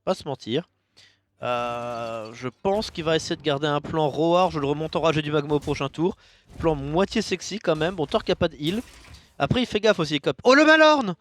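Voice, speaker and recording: A man giving casual, jokey commentary on a card game match, with sudden bursts of loud enthusiasm. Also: a little high, normal speed.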